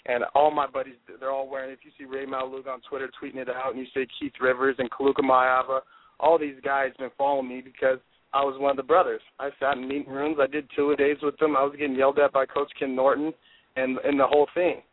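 A twenty-something football player, interviewed as a draft prospect, talks fast in a level, mid-range voice. The dry, tinny phone line carries a little hiss or hum, and he sounds intense, confident, and driven.

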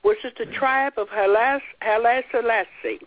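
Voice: medium pitch, moderate pace. Rambling guest on a tinny phone line. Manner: rambling, hesitant, with many restarts. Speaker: call-in guest. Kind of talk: casual radio interview chat.

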